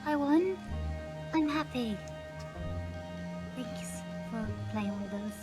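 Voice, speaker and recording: A bouncy little alien kid, eager and pleading, with a voice pitched well up and swinging through big leaps in tone, as a woman reads it out. Game music plays clearly behind the voice. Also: expressive, slow pace, low-quality recording.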